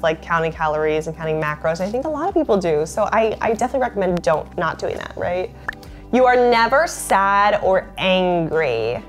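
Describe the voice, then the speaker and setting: A woman in her late twenties chatting casually to camera, bubbly and talkative, filling her sentences with "like". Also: mid-range voice. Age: late 20s. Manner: chatty, lots of "like" fillers, bubbly.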